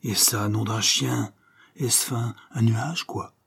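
A man's voice: on the low side, slow pace, vocal fry, breathy edge, heavily acted. A man voicing a grief-stricken widowed painter who breaks into feverish, exclaiming talk. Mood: enraptured. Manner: anguished then feverishly excited exclamations.

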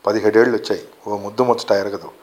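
A man's voice: on the low side, steady tone, quick pace, darkish tone, close to an everyday voice. A man reading the part of a poor, tearful middle-aged wife and mother as she laments to her husband in a read-aloud story. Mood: lamenting. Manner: pleading, lamenting.

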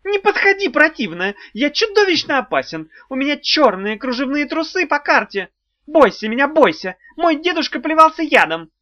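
A squeaky little demon, spiteful and fawning, shrieks way up high in wild, swooping outbursts. The sound is dull and lo-fi. His whining keeps breaking into shrill fury. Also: huge pitch swings, moderate pace, pushed and bright, no room sound, heavily acted. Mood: squeaky mockery.

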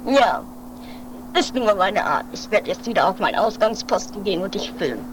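In a noisy home-made 1980s radio play, a woman with an expressive, mid-range voice improvises a comic role as the nervous, devoted companion of a daredevil. Her delivery is brisk and lightly acted as she mutters in agitated, dramatic fashion, repeating her words.

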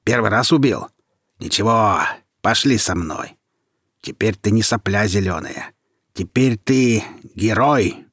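A tall, sneering bandit gloats over his victims with a hissing, drawn-out delivery, as a man acts him out. The voice comes slow and loud in an audiobook with a dry sound. A husky edge runs through it. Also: fairly low pitch, expressive, no echo, exaggerated voice. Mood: cruel gloating.

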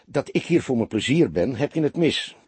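A man's voice: on the low side, very animated, takes it slowly, mellow, slightly rough, no echo, full character voice. A man voicing an aggrieved police fingerprint technician who asks curt questions and takes offence easily.

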